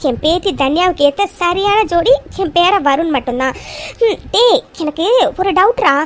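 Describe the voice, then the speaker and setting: A woman's voice: extremely high pitch, lively intonation, moderate pace. A woman voicing a cheerful, teasing old grandmother in a cartoon who scolds her grandsons fondly. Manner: fond scolding, calls everyone by affectionate nicknames. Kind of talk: cartoon voice acting.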